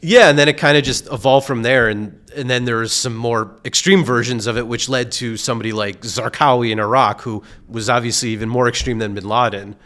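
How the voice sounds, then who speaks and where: A man's voice: mid-range voice, fairly even intonation, fairly quick, hardly any pauses, fairly bright tone. A man speaking as an expert guest in a casual interview, explaining patiently with lots of fillers. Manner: explanatory, many fillers like "you know".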